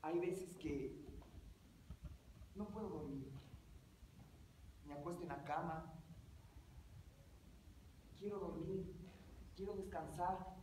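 Actress as anxious male bachelor, low voice, fretful and halting, stage comedy, echoey room, loud noise. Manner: fretful, halting, repeating words. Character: nervous 35-year-old male bachelor, anxious hypochondriac.

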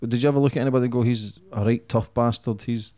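A man's voice: mid-range voice, fairly even intonation, quick pace, mellow. A man in his thirties with a Glaswegian Scottish accent, interviewing casually in informal, sweary language as a podcast host. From Scotland. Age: 30s. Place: small office used as podcast room. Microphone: desk microphone on boom arm.

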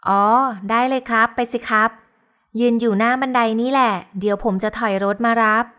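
A courteous older male servant from an audiobook romance, voiced by a woman narrator in her own smooth voice. He speaks deferentially and politely, with a mild, friendly manner. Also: fairly high pitch, fairly even intonation, brisk, fairly bright tone, lightly acted.

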